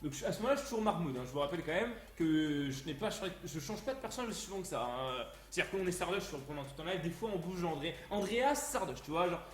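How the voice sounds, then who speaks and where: A man streaming live, telling a story casually in an animated, crude way with lots of fillers. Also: fairly high pitch, quick pace, hardly any pauses. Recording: roomy echo, faint music.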